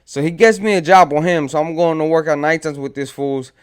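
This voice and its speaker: A man's voice: a little high, fairly even intonation, brisk, smooth. A man telling a story from his own past in casual street slang, rambling and acting out what his friends said. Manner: rambling, slang-heavy, acts out friends' quotes.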